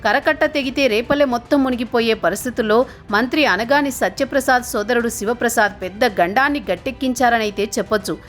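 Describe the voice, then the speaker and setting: A woman reading a scripted news voice-over in a measured, formal way. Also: fairly high pitch, fairly bright tone, soft background music. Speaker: news narrator.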